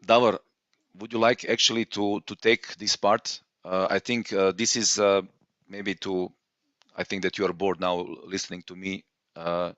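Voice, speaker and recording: A man's voice: low voice, little pitch movement, moderate pace, a bit bright, no room sound, lo-fi sound. Hesitant man teaching Vedic chanting. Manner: hesitant, many fillers, explains patiently. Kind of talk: online lesson on Vedic chanting.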